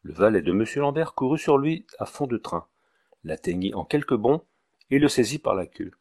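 A man narrating an audiobook of a classic novel in a measured, literary storytelling way. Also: mid-range voice, lively intonation, gravelly, darkish tone.

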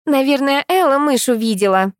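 A woman's voice: high-pitched, lively intonation, normal speed, no room sound, clean studio sound, pitched above the performer's own voice. A woman reading an audiobook voices a mocking young woman who talks in a sneering, amused way.

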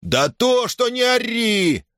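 Shrill, excited townsmen jostle and bicker in a packed crowd, as a male reader puts them on in an audiobook. Their voices leap high and swing wildly, dry and close with no room around them. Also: takes it slowly, no room sound, full character voice. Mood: quarrelsome. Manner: excited, jostling, quarrelsome exclamations. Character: agitated townsmen in a shouting crowd.

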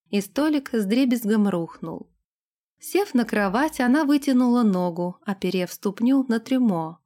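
A woman giving measured, scripted narration of a fantasy audiobook. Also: medium pitch, darkish tone.

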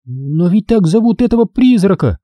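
A man doing a shrill, indignant young girl. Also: sing-song, moderate pace, no room sound. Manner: high-pitched, shouting, indignant. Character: angry, bold young girl. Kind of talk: audiobook character reading.

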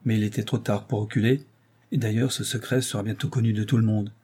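Brief: male audiobook narrator, husky, mellow, measured. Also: on the low side. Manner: steady, measured storytelling. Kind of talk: scripted narration of a novel.

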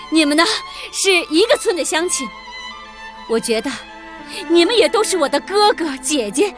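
An actress playing an earnest, friendly woman farm worker addressing villagers. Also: very high-pitched. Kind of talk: radio drama acting.

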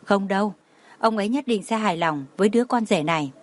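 A woman voicing a gentle, consoling older father who speaks kindly to his daughter. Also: medium pitch, fast talker, lightly acted.

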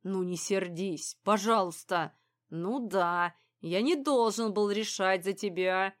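A woman voicing an apologetic husband in his thirties, speaking softly and pleadingly. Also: mid-range voice, lively intonation, slow pace. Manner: soft, pleading.

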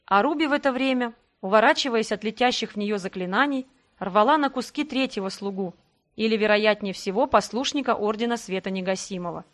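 A woman's voice: mid-range voice, brisk. Woman narrating an audiobook dramatically. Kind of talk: first-person audiobook narration.

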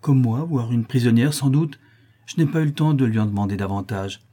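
Male reader doing a plaintive young Parisian working girl, mellow and husky. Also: fairly quick, lightly acted. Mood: eager. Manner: tender, plaintive, lifting into a higher voice. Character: young working Parisian woman, sweet and worried. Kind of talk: audiobook character reading.

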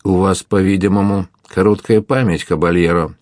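Guy reading cool stern buccaneer, deep voice, unbothered. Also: moderate pace, no echo, studio quality, natural voice. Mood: calm firm. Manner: calm, unshakable. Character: stern bold young male buccaneer.

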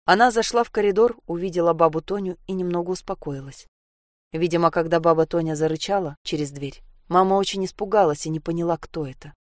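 Low-voiced woman reading a story. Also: quick pace, no echo, studio quality. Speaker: narrator.

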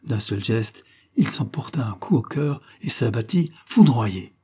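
A man narrating a detective story in a measured, dramatic reading. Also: medium pitch, lively intonation, dark tone, breathy edge. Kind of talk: audiobook narration.

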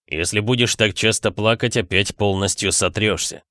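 A man voicing a calm, reproving mysterious young man in a storybook reading. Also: fairly low pitch, moderate pace, dry recording, clean studio sound. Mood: stern. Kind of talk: audiobook character voice.

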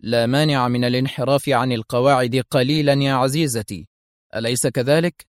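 A man's voice: mid-range voice, a little fast, no echo, clean studio sound, natural voice. A man voicing a cool, sardonic male secret agent who answers curtly. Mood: calm. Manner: cool, curt and mocking. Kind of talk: audiobook character voice.

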